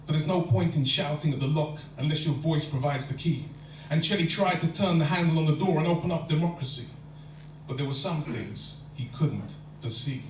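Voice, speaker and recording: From the back of an echoey lecture hall, the mic catches a London poet performing spoken word in a steady, rhyming cadence. His voice sits a little high, and a faint hum lingers beneath the recording.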